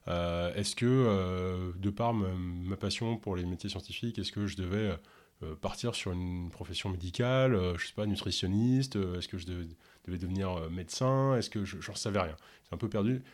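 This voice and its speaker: A man from Ontario who speaks French with no accent, answering interview questions in a halting way with many fillers. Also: low-pitched. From Canada, Ontario. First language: English. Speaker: podcast host and health coach.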